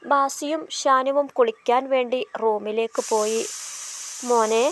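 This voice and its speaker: A woman reading a story aloud in a steady narrating voice. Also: medium pitch, a little slow, slight background noise.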